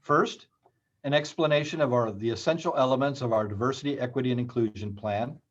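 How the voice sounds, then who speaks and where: A man, a university library dean, reading a scripted conference presentation in a measured way. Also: mid-range voice. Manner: measured, read-aloud delivery. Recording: slightly muffled lo-fi recording.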